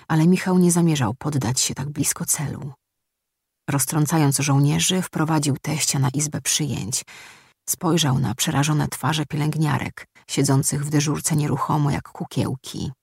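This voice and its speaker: An audiobook narrator reading a story in a steady, measured way. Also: medium pitch, vocal fry, husky, dry recording, studio quality. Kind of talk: scripted narration.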